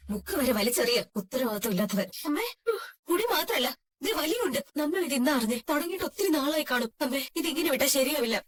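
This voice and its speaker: A woman plays an angry young sister in a fan-dubbed serial who scolds in rapid bursts. Her voice is high and quick, and she keeps pressing with question after question. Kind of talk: fan dub of a TV serial scene.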